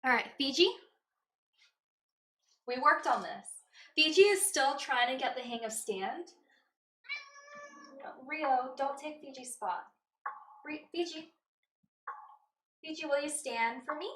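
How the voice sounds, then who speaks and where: High-voiced woman cooing at her cats. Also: lively intonation, slow, pauses often, a bit bright. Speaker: livestreamer. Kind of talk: casual livestream chat. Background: faint background music.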